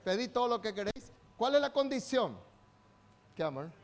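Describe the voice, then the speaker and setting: A male pastor with a high voice preaching to his church. He leads call-and-response and moves between quiet, drawn-out lines and loud rallying shouts. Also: big pitch swings. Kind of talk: sermon.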